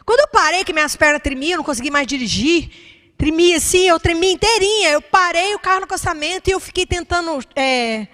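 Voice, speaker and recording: High-voiced woman preaching fervently. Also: expressive, a little fast, a bit bright. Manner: fervent preaching, calls out to the congregation. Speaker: pastor. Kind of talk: sermon.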